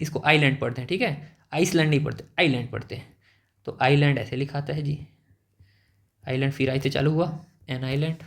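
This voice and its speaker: A young man teaching an exam-prep grammar lesson, explaining step by step and asking quick check questions. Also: on the high side.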